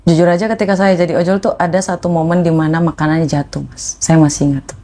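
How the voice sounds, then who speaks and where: A woman, a podcast guest telling a personal story in animated conversation. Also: fast talker. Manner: animated, acts out quoted voices with rising pitch.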